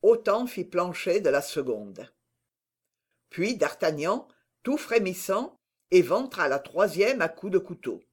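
An audiobook narrator reading a classic adventure novel with slow, expressive storytelling. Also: medium pitch.

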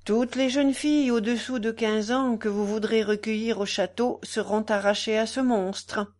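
A woman reading aloud, voicing a grown male village priest who speaks earnestly and gravely. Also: on the high side, fairly even intonation, moderate pace, a little mellow, close to an everyday voice.

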